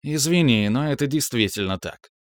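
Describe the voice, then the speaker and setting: A man's voice: medium pitch, lively intonation, moderate pace, no room sound, clean studio sound, pitched above the performer's own voice, close to an everyday voice. A man voicing a blunt young female companion in an audiobook. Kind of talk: audiobook character voice.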